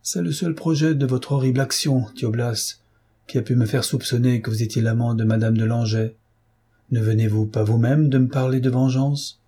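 Storybook role: a man reading a young chevalier, stern, husky, mellow. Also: mid-range voice, steady tone, normal speed. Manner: stern, accusing. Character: young indignant French chevalier, proud swordsman. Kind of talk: audiobook reading.

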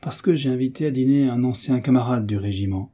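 Audiobook part: cheerful, teasing young soldier, husky and dark in tone, voiced by a male reader. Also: mid-range voice, fairly quick, close to an everyday voice. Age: young adult. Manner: lively, teasing, resolute.

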